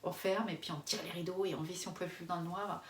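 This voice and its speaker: Quick-paced and fairly even in intonation, this woman from France, forties, films a casual face-to-camera chat for her expat family vlog. Her talk is frank and rambling, with lots of restarts and laughter, and her low-ish voice echoes in a room away from the mic over a faint hum.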